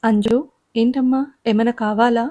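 A woman storyteller voicing a worried widowed father who is gentle but evasive with his daughter, speaking in her own voice. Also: a little high, fairly even intonation, moderate pace, close to an everyday voice. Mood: coaxing. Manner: coaxing, then turns stern.

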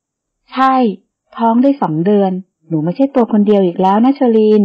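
A woman reading an audio novel, voicing a caring middle-aged mother who talks in a gentle but firm, soft, lowered voice. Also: animated, normal speed, muffled recording, lightly acted.

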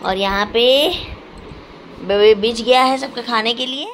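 A woman's voice: a little high, measured pace, slight background noise. A young woman chatting casually to her viewers in a home vlog, talking about her day and her family. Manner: chatty, addresses viewers as guys. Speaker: vlogger. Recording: background music.

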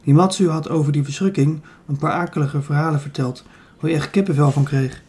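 A man narrating a children's audiobook in a calm, even storytelling manner. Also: fairly high pitch, a little fast, breathy edge.

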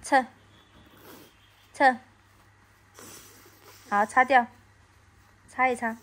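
A woman's voice: high-pitched, steady tone, extremely slow, a bit bright. A woman from Anhui scolding her toddler at home, repeating baby talk. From Anhui, China.

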